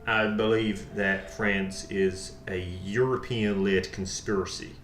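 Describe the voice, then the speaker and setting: A man playing a stubborn male conspiracy theorist who speaks slowly and formally with flat insistence. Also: fairly low pitch, soft background music. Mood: stubborn deadpan. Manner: slow, formal, flatly insistent. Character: deadpan male conspiracy theorist denying France exists. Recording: roomy echo, faint background noise.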